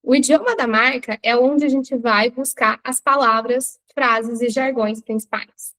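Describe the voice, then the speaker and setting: A Brazilian woman with a high voice is teaching a recorded class. She explains things step by step and keeps turning to her students with rhetorical questions. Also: fairly even intonation, a little slow, sharp tone. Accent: Brazilian Portuguese. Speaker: branding teacher.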